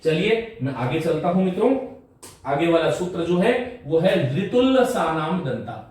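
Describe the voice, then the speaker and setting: A man's voice: on the high side, sing-song, moderate pace, a little mellow. A male teacher giving a classroom grammar lecture, repeating sounds aloud in drills and putting questions to his students. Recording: echoey room, mic at a distance.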